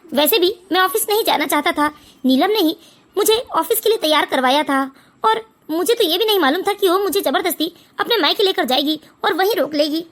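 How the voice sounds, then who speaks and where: A woman's voice: very high-pitched, expressive, brisk. A woman voicing a sheepish young husband who stammers excuses to his mother in a cartoon family drama. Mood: defensive. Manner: stammering, defensive.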